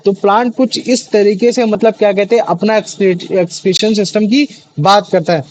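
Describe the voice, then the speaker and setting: Brief: male tutor, high pitch, chatty, keeps quizzing students, mix. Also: fairly even intonation, brisk, poor audio. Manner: chatty, repeats questions to students, many fillers. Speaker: teacher. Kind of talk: classroom biology lesson.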